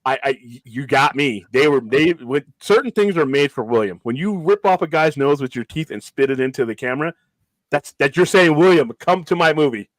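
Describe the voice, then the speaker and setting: A man co-hosting a podcast in casual chat, animated and emphatic, often repeating words as he talks. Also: mid-range voice, a little fast, dry recording, poor audio. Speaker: podcast co-host.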